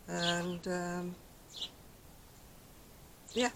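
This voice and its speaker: Her voice sits on the low side, level and extremely slow with vocal fry, and is very soft and quiet following throat surgery. This older craft vlogger rambles chattily to a close-up camera, mocking herself and laughing softly, out on a decking by a brick wall with noise in the background.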